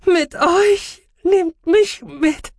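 A man voicing a frail, frightened young woman in an audiobook, in a breathy, halting whisper. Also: extremely high pitch, pushed and bright, dry recording, studio quality, pitched above the performer's own voice, full character voice. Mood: pleading.

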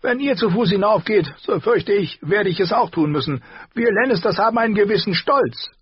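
A man's voice: high voice, lively intonation, brisk, husky, no echo, muffled recording, voice pushed up, heavily acted. A man voicing a mocking, sly male dwarf nobleman who talks with sarcastic, drawling mockery.

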